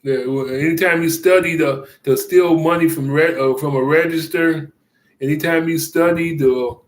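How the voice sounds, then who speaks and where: A man giving casual commentary, rambling and halting with many fillers and restarts, chuckling often. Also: a little high, steady tone, echoey room, rough recording.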